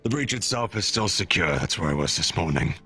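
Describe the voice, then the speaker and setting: A man playing a steady, dutiful warden, a military officer who speaks firmly and matter-of-factly in an improvised roleplay. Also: deep voice, brisk, husky, soft background music, heavily acted. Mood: weary, matter-of-fact.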